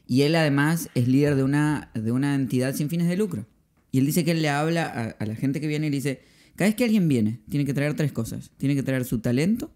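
A man in his thirties with an Argentine accent and a mellow, slightly high voice hosts a casual podcast conversation. He's a pastor and the podcast host, speaking close to an arm-mounted podcast microphone in a small room.

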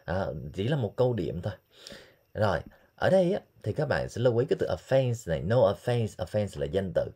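A man, teaching English phrases and repeating examples slowly. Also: lowish voice, sing-song, warm tone, slightly rough. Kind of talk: explaining English phrases in Vietnamese.

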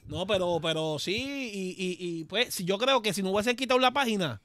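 A man's voice: sits high, fairly quick, no echo. A young man with a Puerto Rican accent hosting a podcast, talking casually with slang and jokes. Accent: Puerto Rican Spanish. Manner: slangy, animated and joking. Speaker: podcast host. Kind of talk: casual chat.

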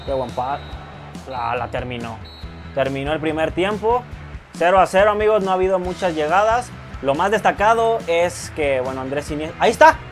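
Young Mexican man, gaming commentary, high voice, shouts at goals, music bed. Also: normal speed. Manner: excitable, swears often, yells at goals. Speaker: gaming youtuber. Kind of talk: casual video game commentary. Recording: loud music behind the voice.

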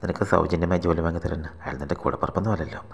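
A man reading the lines of a scheming middle-aged male teacher in a quiet, persuasive voice. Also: sits low, steady tone, rapid-fire, vocal fry, husky, long reverb tail, full character voice.

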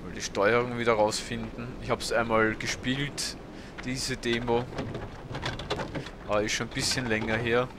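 A man's voice: mid-range voice, flat delivery, normal speed, noisy background. A man, casually commentating a video game as a let's play host, hesitant and full of fillers. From Austria. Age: 30s. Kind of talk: gameplay commentary.

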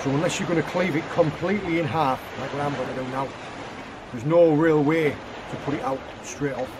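Briskly and in a higher voice, a man in his thirties explains seafood preparation over a noisy background. He's a guest forager on a rocky beach demonstrating cooking, hands at work, in a laid-back step-by-step outdoor explanation.

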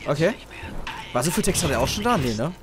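A man's voice: fairly high pitch, very animated, quick pace. A man giving casual, slangy gameplay commentary as a let's player, muttering to himself. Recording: game music behind the voice. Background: video game music.

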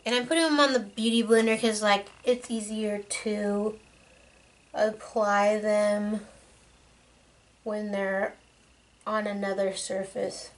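A woman's voice: medium pitch, fairly even intonation, takes it slowly, pauses often. A young woman chatting casually through a makeup vlog, rambling with lots of fillers. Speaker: beauty vlogger.

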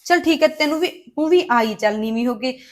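A woman's voice: sits high, animated, fairly quick. An actress with a Punjabi accent playing a caring, protective woman who talks earnestly and insistently. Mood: reassuring. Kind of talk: Punjabi web drama acting.

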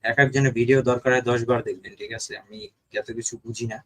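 A man's voice: medium pitch, fairly even intonation, fast, fairly bright tone, poor audio. A young Bangladeshi man hosting a casual live stream, reading viewer comments and often checking in with his audience. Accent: Bangladeshi Bengali. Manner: repetitive, keeps asking "ঠিক আছে?". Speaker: live-stream host of a ghost-hunting channel.

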